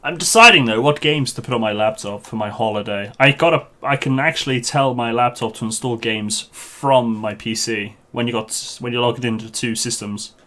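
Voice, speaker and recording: A man's voice: mid-range voice, moderate pace, hardly any pauses, bright, forceful tone. A man live-streaming a game, chatting casually and informally with his viewers in a matey way. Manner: matey, informal address to the group. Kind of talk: casual live gaming commentary, chat with viewers.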